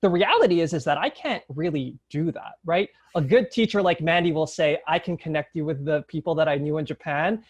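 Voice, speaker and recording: A male teacher guest making an earnest, reasoned point in an interview. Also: on the high side. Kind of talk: interview discussion.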